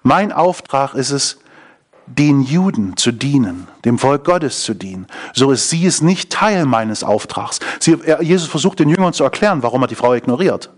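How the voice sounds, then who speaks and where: A man's voice: mid-range voice, animated, moderate pace. A man preaching a sermon, often asking his listeners questions. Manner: engaging, asks the audience questions.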